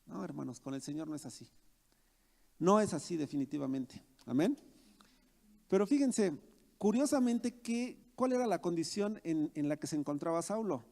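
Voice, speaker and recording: A man's voice: a little high, lively intonation, moderate pace, gravelly, warm tone. A man preaching a sermon to his congregation, calling them brothers and acting out boastful believers. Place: church hall. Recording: long hall reverb.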